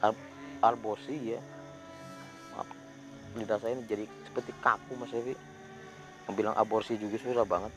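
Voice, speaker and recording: A man, hosting a ghost-hunting video outdoors at night, talking in a hushed voice that turns into loud, urgent calls. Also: fairly low pitch, little pitch movement, brisk, pauses often, music in the background. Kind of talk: hushed on-location paranormal narration.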